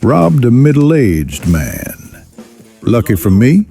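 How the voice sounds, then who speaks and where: A man plays a rueful western outlaw telling his life story in a gravelly, low drawl. His delivery is wry and slow, with big swings in pitch over faint music. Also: big pitch swings, dark tone, full character voice. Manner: folksy drawl, wry and unhurried. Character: young male outlaw drifter recounting his rough life, rueful. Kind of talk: scripted first-person western narration.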